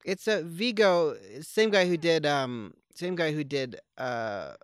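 Podcast co-host, male: easygoing rambler, smooth and resonant voice, close and dry. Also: fairly high pitch, expressive, takes it slowly, dry recording. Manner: rambling, with many fillers and restarts; joking, wry. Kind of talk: casual conversational film chat.

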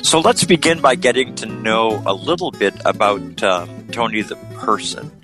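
Man, radio host, slightly deep voice, conversational interviewing, deliberate halting phrasing. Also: animated, over music.

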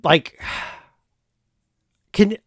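A man casually retelling a story as a host, in a wry, halting, conversational way. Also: fairly bright tone, no room sound, studio quality. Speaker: film podcast host. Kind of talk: casual retelling of a film plot.

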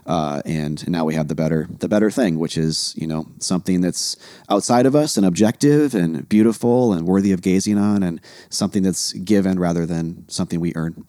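A man's voice: low-pitched, brisk, dark tone, dry recording, studio quality. A man co-hosting a podcast, musing enthusiastically in casual chat. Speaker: podcast co-host.

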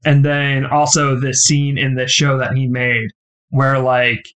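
A man co-hosting a casual podcast, telling a scene in a relaxed, rambling way with lots of "like". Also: mid-range voice, unhurried, rough recording. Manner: relaxed storytelling, heavy use of "like". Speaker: podcast co-host. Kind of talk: casual chat reviewing a show.

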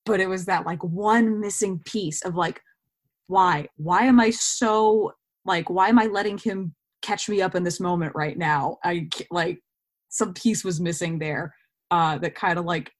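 Interviewed as an actor, a woman tells stories casually and voices her own thoughts as quotes. Her voice sits on the low side.

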